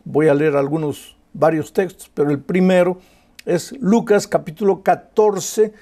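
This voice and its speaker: A man's voice: fairly high pitch, fairly even intonation, unhurried, mellow. A male pastor preaching a sermon with passion, using rhetorical questions and repetition.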